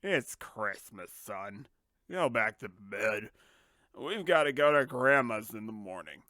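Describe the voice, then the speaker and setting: A drunk, short-tempered father, as a man puts him on in a comedic storybook parody, slurring each word at a dragging pace. The voice has a bright, sharp edge and sits in a dry, close space. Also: lowish voice, expressive, dry recording, exaggerated voice. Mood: gruff. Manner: slurred, slow, gruff. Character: drunk, angry, slurring middle-aged father.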